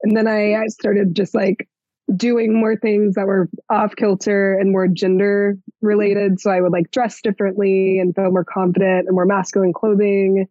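A woman's voice: mid-range voice, flat delivery, normal speed, dark tone, no echo. A woman guest on a podcast in casual chat, reflective and easygoing, with many fillers. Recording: slightly dull lo-fi sound.

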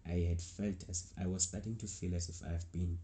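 This travel vlogger is a young man from South Africa whose low, steady, mellow voice moves fairly quickly over a faint hiss or hum. Speaking with a South African accent, he rambles casually through a travel tale, restarting frequently and laughing softly.

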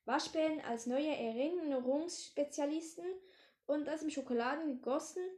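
A clever, bookish schoolboy musing aloud, read by a woman. The voice is high and plain, and the room echo is clear. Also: moderate pace, dark tone, natural voice. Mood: pondering.

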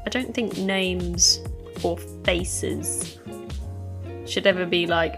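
A woman's voice: fairly low pitch, fairly even intonation, takes it slowly, gravelly. A British woman co-hosting a podcast, chatting casually in blunt, informal slang. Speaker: podcast co-host. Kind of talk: casual chat. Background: music.

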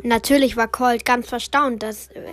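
A woman co-hosting and narrating a story in a calm, matter-of-fact way. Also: on the high side, moderate pace. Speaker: co-host and narrator. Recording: faint music behind the voice.

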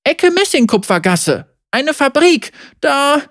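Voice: high-pitched, sing-song, slow, a bit bright, dry recording, studio quality, pitched above the performer's own voice, full character voice. Frightened little boy, as a narrator puts him on. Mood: pleading. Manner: breathless, pleading.

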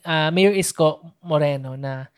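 A woman's voice: deep voice, a little slow, clean tone. A woman in casual conversation, chatty and thinking aloud, mixing English into her sentences. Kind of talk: casual chat.

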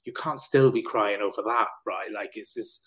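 A man's voice: fairly low pitch, moderate pace. A man, a personal trainer and counsellor, speaking as a podcast guest and telling a personal story openly and emotionally, with casual swearing and many restarts. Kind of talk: candid conversational storytelling.

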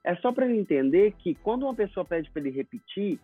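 Man, brazilian english teacher, husky, dry, phone-like sound, explains by acting out little scenes. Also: high voice, very animated, quick pace, dry recording, faint music behind. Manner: explains with acted-out dialogue examples. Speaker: guest, English pronunciation teacher. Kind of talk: casual interview talk.

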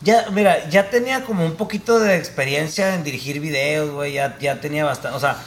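A young Mexican Spanish-accented producer and director guests on a casual podcast, rambling in slangy talk and laughing often. His voice is fairly high and fairly quick, with slight background noise.

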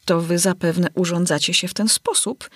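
A woman's voice: on the low side, fairly even intonation, normal speed, breathy edge, no room sound, studio quality. A woman voicing a curious, polite young girl who asks earnest, prim questions in a storybook reading.

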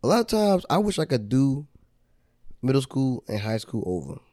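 A man's voice: medium pitch, moderate pace. A young man co-hosting a podcast, telling stories in casual, profane chat. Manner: animated, profane storytelling. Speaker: podcast co-host.

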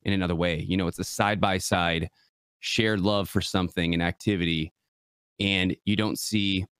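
A young man with a very low, deep voice talks earnestly and casually, peppering his thoughts with "you know." He's from West Michigan. The sound is close and dry, with no room around it. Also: normal speed, smooth, no room sound. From West Michigan, USA. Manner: relaxed, earnest, many fillers like "you know". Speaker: guest, gaming preacher. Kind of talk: casual interview conversation.

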